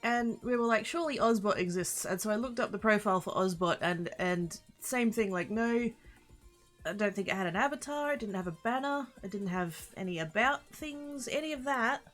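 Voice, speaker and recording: This woman livestreamer is playful and casual with her viewers, rambling, easily sidetracked, and offering informal greetings to chat. Her medium-pitched voice is animated and fairly bright, at a moderate pace. Faint music is heard behind her.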